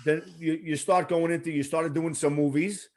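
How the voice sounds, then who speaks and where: A man's voice: a little high, fairly even intonation, moderate pace, a little mellow, a little hiss or hum. A man hosting an interview, chatting casually and enthusiastically as a fan, quoting lines and swearing freely. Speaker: host.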